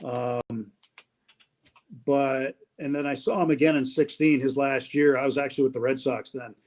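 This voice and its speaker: A mid-range voice with fairly even intonation and moderate pace comes from a radio announcer who calls games. As a guest on a video call, he casually tells warm, anecdotal stories about colleagues, restarting now and then.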